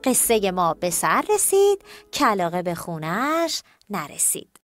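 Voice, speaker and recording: A woman narrating children's stories in a scripted, animated way, talking directly to the kids. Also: medium pitch, dry recording. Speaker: storyteller. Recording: soft music bed.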